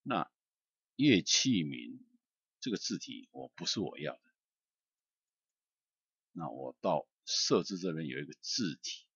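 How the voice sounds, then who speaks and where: Very deep husky man. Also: big pitch swings, unhurried, pauses often, fairly bright tone, no echo, lo-fi sound. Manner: loose, chatty, many "ah" and "hao" fillers. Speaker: music software instructor. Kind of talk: screen-recorded software tutorial.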